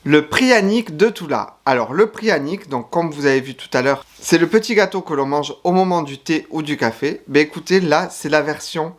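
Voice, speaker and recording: A man's voice: on the high side, a little fast, few pauses. A man giving casual food-tasting commentary to camera, chatty and frank, sometimes talking while chewing. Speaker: YouTuber tasting foreign food.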